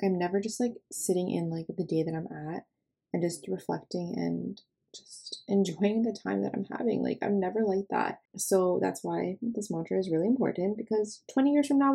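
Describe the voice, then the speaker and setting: A woman's voice: mid-range voice, gravelly, warm tone. A woman in her twenties hosting a podcast, chatting casually with lots of filler words. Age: 20s. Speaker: podcast host.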